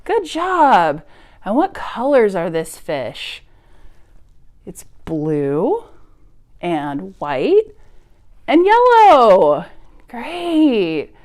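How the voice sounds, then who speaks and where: Hosting a preschool storytime, a woman reads aloud and talks directly to small children, with simple, encouraging phrasing and an exaggerated sing-song lilt. Her mid-range, darkish voice swoops wildly in pitch. She draws out her words and leaves long pauses.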